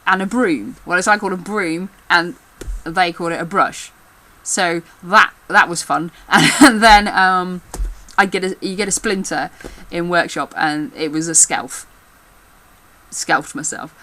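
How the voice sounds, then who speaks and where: A woman's voice: on the low side, pushed and bright, rough recording. A middle-aged woman with a Midlands accent, chatting casually to camera in a rambling way and laughing often. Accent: English Midlands. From English Midlands. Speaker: vlogger. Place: room at home. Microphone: camera mic.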